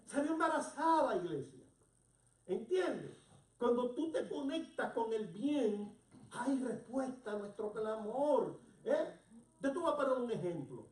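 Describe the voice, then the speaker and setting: A preacher tells a story in an animated sermon, often turning to ask the congregation questions. The voice sits at a medium pitch and echoes through a roomy church, picked up from a distance. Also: measured pace. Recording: roomy hall, distant mic.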